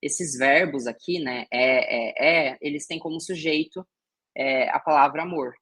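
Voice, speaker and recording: A man's voice: fairly high pitch, a little slow, fairly bright tone. A man with a Brazilian Portuguese accent, teaching a literature class and explaining step by step, often checking in with his students. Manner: explanatory, peppered with "né" and "tá" check-ins. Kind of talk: recorded exam-prep class.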